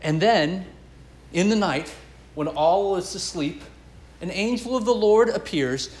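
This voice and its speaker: A man's voice: high-pitched, a little slow, darkish tone, echoey room. A man preaching a sermon as pastor, earnest and emphatic, building and dropping his intensity.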